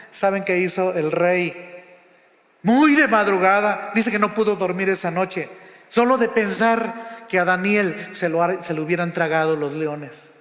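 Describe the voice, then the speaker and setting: Pastor, high voice, unhurried dramatic sermon delivery, roomy hall reverb. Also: male voice. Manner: dramatic, acts out quotes, drops to hushed low voice. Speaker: preacher. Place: church sanctuary.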